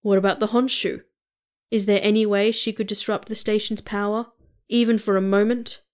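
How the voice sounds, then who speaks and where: A woman's voice: medium pitch, little pitch movement, moderate pace, darkish tone, lightly acted. A woman voicing a cool-headed Martian first officer. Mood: dry.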